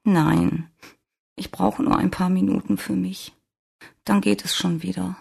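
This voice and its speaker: A woman's voice: on the low side, fairly even intonation, measured pace, creaky, darkish tone, slightly rough, pitched above the performer's own voice, exaggerated voice. A reader voicing a distraught young woman who is crying and pleading in a German audiobook. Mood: shaken, pleading.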